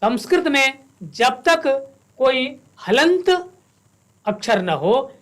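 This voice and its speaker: A woman teaching a Sanskrit lesson, reciting verses slowly and spelling out each syllable. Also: sits high, big pitch swings, fairly bright tone. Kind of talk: classroom lesson with slow recitation.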